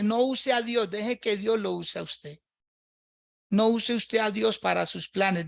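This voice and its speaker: A man preaching as a pastor, speaking slowly and earnestly and praying in between. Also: high-pitched, creaky, a bit bright, no echo, clean studio sound. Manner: slow, earnest preaching with prayer. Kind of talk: sermon in dialogue.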